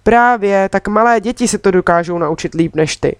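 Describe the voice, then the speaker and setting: A woman's voice: mid-range voice, no room sound, clean studio sound, lightly acted. Wry dad in a children's storybook, as a woman reads him. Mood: thoughtful. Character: dry-humored father on a ski trip.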